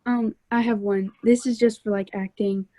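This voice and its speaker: A woman's voice: a little high, fairly even intonation, normal speed, warm tone, slight background noise. A young woman in a video call asking a hesitant question, full of fillers.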